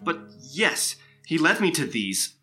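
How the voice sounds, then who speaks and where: A man's voice: on the high side, very animated, slow, bright, forceful tone, faint music behind, full character voice. An actor playing an eager, lovestruck young man with an earnest manner.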